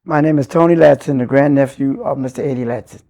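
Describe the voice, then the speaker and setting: A man's voice: medium pitch, fast talker, vocal fry, mellow. A man answering questions as an interviewee, offering recollections for an oral history.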